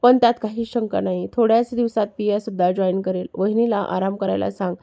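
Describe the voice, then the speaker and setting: A woman reading a storybook part as a calm, affectionate young elder brother who speaks gently and steadily. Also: medium pitch, fairly quick, creaky, close to an everyday voice.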